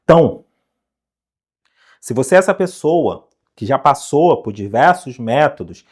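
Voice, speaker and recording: Brazilian male English teacher, lively pitch, coaxing rhetorical-question delivery, direct to camera. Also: a little slow, breathy edge. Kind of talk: online lesson to camera.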